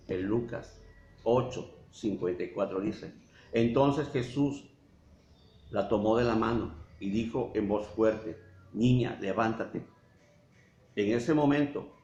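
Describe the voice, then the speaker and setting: A man with a Mexican Spanish accent preaching a sermon as pastor, asking frequent rhetorical questions and pausing for emphasis. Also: mid-range voice, a little mellow. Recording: dull roomy church sound with faint hiss.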